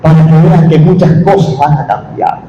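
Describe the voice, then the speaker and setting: Guy preaching, high pitched, fired up and repeating himself, echoey church hall w faint noise. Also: normal speed, lo-fi sound. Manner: impassioned, repetitive, bursts into shouting. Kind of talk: sermon.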